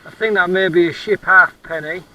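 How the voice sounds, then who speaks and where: A man with a somewhat raised pitch talks casually outdoors on a beach. He muses over his metal detecting finds in a relaxed, unscripted way. He hesitates and often repeats a word before going on. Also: fairly quick, muffled recording. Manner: musing, hesitant, repeats words while looking at finds.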